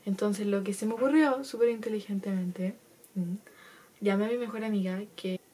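A woman's voice: mid-range voice, steady tone, normal speed, dark tone, breathy edge. A fifteen-year-old girl with a Chilean accent, telling a personal story to camera in a casual, chatty way with lots of laughs. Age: teenager, 15. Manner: chatty, laughs often, acts out quotes. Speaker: vlogger.

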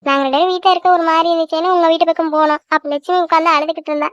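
Voicing a kind middle-aged aunt from a village in a cartoon, a woman coaxes and insists. She speaks in an extremely high pitch, rapid-fire, with fairly even intonation; the recording is dry, dull, lo-fi and echo-free.

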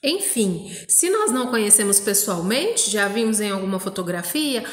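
A female Brazilian Portuguese primary school teacher with a medium-pitched, sing-song voice records a lesson for young children. She spells out syllables slowly and often checks with "não é?", and the room sounds big and echoey.

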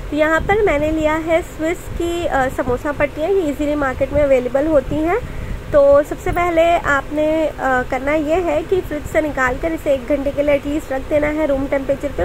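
A woman's voice: high voice, background noise. A woman hosting a cooking channel, narrating a recipe step by step in a voice-over with friendly tips for viewers.

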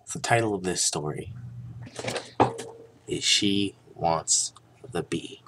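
A young adult man giving a hammy, mock-serious dramatic reading of a story, with drawn-out theatrical pauses. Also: sits low. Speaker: reader of a fan fiction story. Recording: noticeable background noise.

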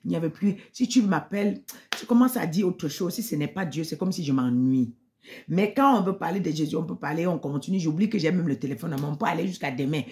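A woman's voice: sits low, a little mellow. A woman giving an emotional spoken testimony in church, repeating phrases and sometimes dropping to a near-whisper.

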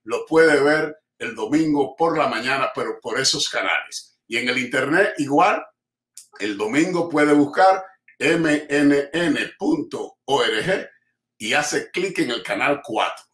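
This TV host speaks at medium pitch, animated and unhurried, with a fairly bright tone. Interviewing for community TV by video call from a bookshelf-lined room at home, he sounds emphatic and rhetorical with frequent hesitant fillers, in an echoey space.

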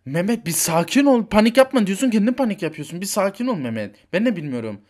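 A man's voice: high voice, very animated, fast, a little mellow. Man doing a worried scolding toy-story mom. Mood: exasperated. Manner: scolding, insistent. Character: worried but firm mother, middle-aged.

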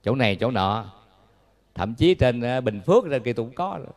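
Folksy Southern Vietnamese monk preaching. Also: male voice, mid-range voice, lively intonation, fairly quick, a little mellow. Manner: folksy, humorous, asks the audience questions. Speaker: Buddhist monk lecturer. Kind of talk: dharma talk with storytelling.

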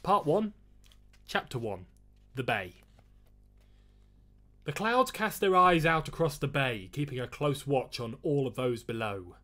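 Brief: male author narrating his book, mid-pitched, measured and expressive. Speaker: author reading his own novel. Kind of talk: audiobook-style reading.

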